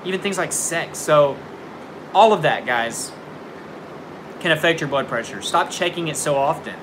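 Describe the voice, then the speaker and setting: Indoors by a window as a storm rages, a young man runs a casual home livestream and answers viewers' questions with blunt tough-love advice and plenty of fillers. His fairly high voice is animated and moves at a normal speed against a noisy background. Each thunderclap makes him jump.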